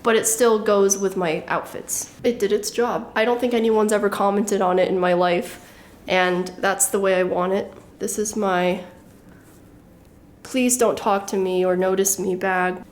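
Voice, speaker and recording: A woman's voice: mid-range voice, fairly even intonation, moderate pace. Wry, matter-of-fact woman vlogger. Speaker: fashion vlogger. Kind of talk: casual show-and-tell.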